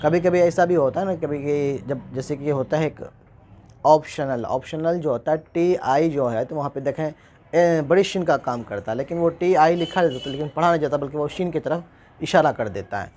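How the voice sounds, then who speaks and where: Man spelling out letters slowly. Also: on the high side, a little mellow, slight background noise. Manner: slow spelling out letter by letter, repeating words. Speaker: Urdu writing teacher. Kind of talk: spoken writing lesson.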